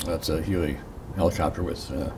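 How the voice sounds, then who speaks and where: An older man with a deep voice speaks as a veteran remembering his service. He goes haltingly, pausing between thoughts in an interview. The mic sits at a distance, with clear noise behind him. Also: fairly even intonation. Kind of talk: interview reminiscence.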